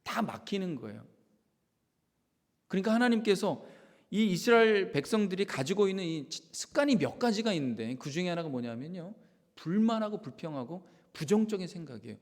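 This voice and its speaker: Animated man preaching in a reverberant church. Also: high-pitched, a little fast. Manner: animated preaching, acting out quotes of God and Moses, dropping to a whisper at times. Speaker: pastor. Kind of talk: sermon. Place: church sanctuary. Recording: long hall reverb of a church sanctuary.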